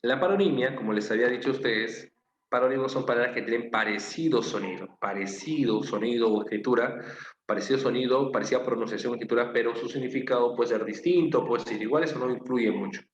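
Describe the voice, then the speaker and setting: Talking fast in a medium-pitched voice, this Peruvian-accented teacher runs an online class, patiently explaining, repeating important phrases, and checking that students follow. The sound is roomy and a little dull, with faint noise.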